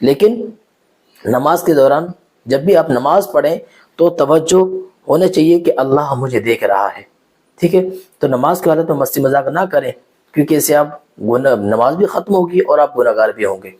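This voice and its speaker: A man's voice: a little high, expressive, darkish tone. A man explaining religious rules point by point, restating each in plainer words and speaking straight to the viewer. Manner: explanatory, numbered points, addresses viewer directly; repeats each rule in simpler words. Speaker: Islamic teacher. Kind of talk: religious instruction video.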